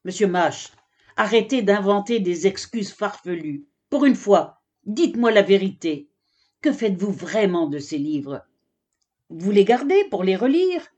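A woman's voice: mid-range voice, very animated, unhurried, a little mellow. A woman voicing a strict, exasperated female giraffe librarian in a children's storybook. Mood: stern. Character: stern proper giraffe librarian, female adult.

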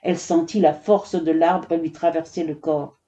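A woman's voice: deep voice, steady tone, normal speed, mellow, lo-fi sound. A woman narrating a children's story expressively, giving each character a voice.

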